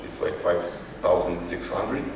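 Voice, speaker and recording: Heard from a distance in a conference hall full of echo and faint noise, a man with a slightly low voice gives a presentation. He's a company CEO whose first language isn't English, and his Ukrainian-accented delivery is informal and halting as he hunts for the right word.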